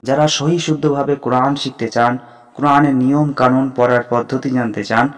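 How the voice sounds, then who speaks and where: A man's voice: mid-range voice, steady tone, brisk. A man teaching Arabic letter pronunciation as a Quran reading teacher, explaining step by step and repeating each letter name for learners. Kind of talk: slow, deliberate instructional lesson.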